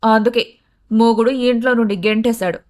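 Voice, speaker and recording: Storybook figure: scornful young wife, irritated and sharp, read by a woman. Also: on the high side, steady tone, moderate pace, natural voice. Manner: sneering, irritated.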